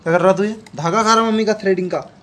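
A slightly high-voiced man chats casually into a handheld camera in his home. His tone is playful and coaxing as he teases his dog, with faint background noise. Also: steady tone, very fast. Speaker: vlogger. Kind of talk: casual pet vlog narration. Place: home, indoors.

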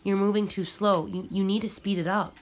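A woman reading aloud, voicing a calm, firm, hardworking father in a storybook. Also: medium pitch, brisk, lightly acted.

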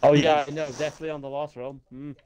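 A man's voice: on the high side, level tone, rapid-fire, darkish tone. Welsh-accented man, casual gaming chat, a little background noise, teasing and loose. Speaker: gamer on voice chat.

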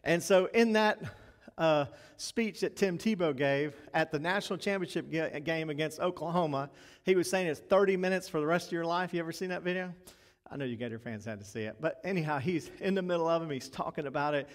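A male pastor delivering a sermon with animated preaching, pushing louder and higher for emphasis, with folksy self-deprecating asides. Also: a little fast. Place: church sanctuary. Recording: long reverb from a church hall.

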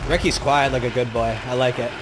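A man's voice: mid-range voice, fairly even intonation, brisk, a loud crowd. A man streaming live gameplay, talking casually and trash-talking opponents. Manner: cocky trash talk.

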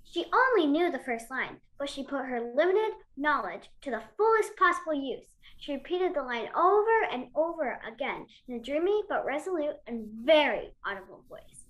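A woman reading story narration aloud in a clear, deliberate way. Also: high voice, sing-song, fairly bright tone.

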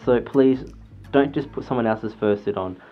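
A man's voice: mid-range voice, normal speed. A man giving chatty, earnest advice in a casual vlog while talking through a fursuit head. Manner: chatty, earnest, lecturing with restarts. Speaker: fursuit vlogger. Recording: dull lo-fi sound with faint music.

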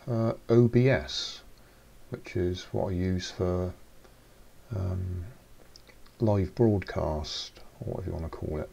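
A man casually narrating a demonstration in a hesitant, low-key way, picked up on a boosted throat microphone. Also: vocal fry, warm tone, muffled recording. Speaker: hobbyist presenter. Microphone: throat microphone, volume boosted.

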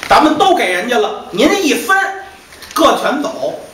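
男说书人扮的悲愤的东家老爷. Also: male voice, extremely high pitch, very animated, moderate pace, voice pushed up, heavily acted. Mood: desperate. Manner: agitated, repeating himself, shouting. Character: grief-stricken middle-aged male master. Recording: echoey distant hall, faint noise.

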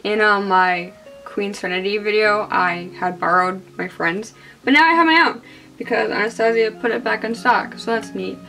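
This woman's mid-range voice has a sharp tone and moves at a normal speed, with faint music underneath and low recording quality. A hungover beauty vlogger in her twenties, she rambles and runs herself down during a makeup vlog filmed in a small indoor space.

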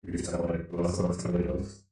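A man putting on a mock deep, drawn-out "sexy" male voice as a joke. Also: fairly even intonation, mellow, roomy sound, slight background noise, close to an everyday voice. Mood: hammy.

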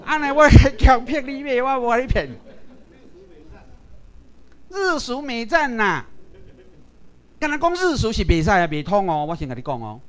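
A man's voice: very high-pitched, very animated, normal speed, long pauses, a bit bright, smooth. A man from Taiwan giving a lecture to a seated class, speaking emphatically and addressing his listeners directly with rhetorical questions.

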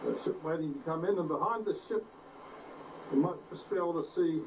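Male home-video narrator, tinny, hissy old VHS tape, a bit high and off-mic, tour-guide manner. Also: far from the mic. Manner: unhurried, pointing out sights like a tour guide. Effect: old VHS tape sound.

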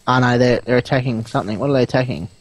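A man's voice: mid-range voice, very fast, no echo. A man with a broad New Zealand accent, chatting casually and in matey slang while playing a game. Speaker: gamer hosting a let's play. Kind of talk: casual chat during gameplay.

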